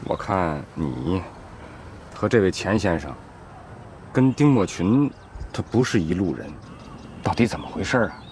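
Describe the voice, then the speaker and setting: A man's voice: low voice, very animated, a little slow, pauses often, a little mellow, slight background noise, heavily acted. An older actor playing a stern father who lectures in an indignant tone in a TV drama. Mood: worried. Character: stern old father defending his daughter. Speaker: father of the young woman. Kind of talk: TV drama acting.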